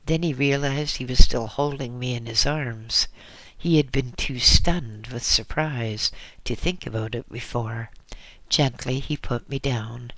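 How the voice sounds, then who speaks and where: A man narrating a first-person memoir as an audiobook, in a measured, dramatic way. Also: medium pitch, a bit bright, dry recording. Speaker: audiobook reader.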